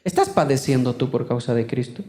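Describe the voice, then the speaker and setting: A man preaching a sermon as a pastor, calling out questions to his congregation and rising to loud, emphatic stretches. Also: mid-range voice, animated, fairly quick. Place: church hall. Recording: echoey church hall with long reverb.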